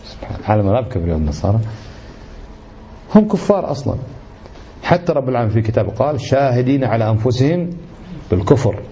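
A man's voice: medium pitch, sing-song, rapid-fire, long pauses, mellow, slight background noise. A man giving a religious lesson, emphatic and indignant, firing off rhetorical questions. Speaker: religious teacher. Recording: slightly dull lo-fi recording.

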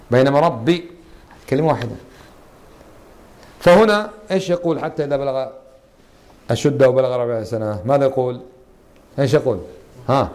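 A man's voice: mid-range voice, a little mellow. A man teaching a Quran interpretation lesson as a religious teacher, quizzing his students and repeating and stressing key words.

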